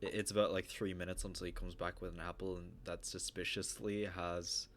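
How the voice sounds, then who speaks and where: A man's voice: low-pitched, flat delivery, fairly quick, fairly bright tone, slight background noise. A man narrating a tabletop role-playing game as game master, loose and full of fillers as he describes the scene.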